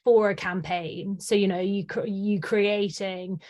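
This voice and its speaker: A woman's voice: medium pitch, steady tone, a little slow, darkish tone. A woman working in communications, talking enthusiastically as an interview guest, with many "you know"s. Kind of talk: podcast interview.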